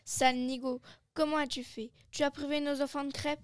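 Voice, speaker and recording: A woman's voice: sits high, flat delivery, brisk, lightly acted. A woman voicing the scolding wife of a god in an amateur story reading.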